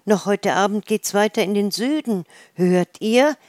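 A woman voicing a flock of excited swallows in a storybook, calling out loudly in a hurry. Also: mid-range voice, no room sound, studio quality, voice pushed up, close to an everyday voice. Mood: agitated. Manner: loud, hurried, calling out.

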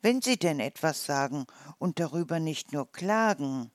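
A storyteller voicing a small, clever forest mouse with a lively, mocking manner. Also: mid-range voice, a little slow, no room sound, clean studio sound, lightly acted.

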